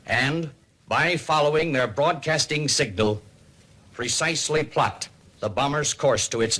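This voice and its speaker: An American man voices a 1950s civil defense radio program, his delivery formal, deliberate, and authoritative in classic announcer fashion. The voice sits a little high and a bit bright.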